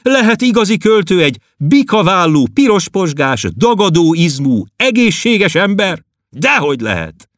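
A man's voice: sits high, sing-song, fairly bright tone, no room sound, clean studio sound, pitched above the performer's own voice. A man voicing a burly, melodramatic poet who wails in mock-tragic self-pity.

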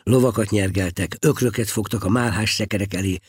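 A man narrating a story in an expressive, dramatic reading style. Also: on the low side, breathy edge, no echo, clean studio sound. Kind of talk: audiobook storytelling.

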